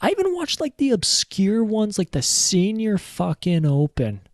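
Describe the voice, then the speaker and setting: Male host, casual rambling monologue with profanity and jokes; talks slowly, dry studio feel. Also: sits high, wildly swooping pitch, no echo. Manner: rambling, joking, swears casually. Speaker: podcast host. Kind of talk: casual solo rant.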